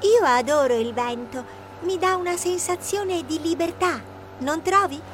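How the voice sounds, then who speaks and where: A bubbly, excitable teenage girl who squeals with delight, as a male narrator puts her on. The voice sits very high and stretches its words out slowly, full of storybook energy. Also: slight background noise. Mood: cheerful. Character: lively energetic teen girl.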